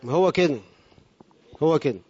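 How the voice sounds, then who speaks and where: A man with a high Egyptian voice who teaches grammar by asking his students questions and supplying the answers. He is recorded on a muffled, lo-fi track in a room with long reverb, like a classroom or lecture hall. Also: animated, normal speed, darkish tone, husky. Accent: Egyptian Arabic. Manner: asks the class questions and answers them himself.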